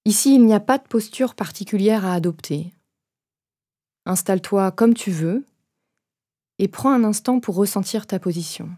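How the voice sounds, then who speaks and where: A woman leading a guided meditation, giving gentle, unhurried instructions in a soft voice with pauses between phrases. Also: medium pitch.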